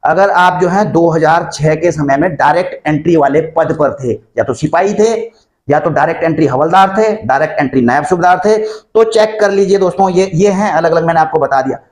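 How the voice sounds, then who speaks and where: Guy with a pretty high voice, chatty explainer, talking straight to his viewers like friends. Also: brisk. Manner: chatty, addresses viewers as friends, frequent fillers and restarts. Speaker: YouTube channel host explaining army pension rules.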